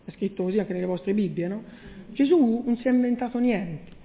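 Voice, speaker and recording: A man's voice: high voice, brisk, gravelly. A man preaching a sermon, reading scripture and asking his listeners rhetorical questions. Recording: echoey hall, phone-like tinny sound.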